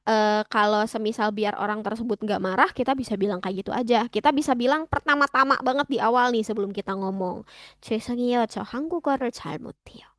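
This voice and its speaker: A woman's voice: a little high, fast, fairly bright tone, dry recording, clean studio sound. A young woman, teaching Korean in a casual online lesson, chatting and mixing in Korean example phrases.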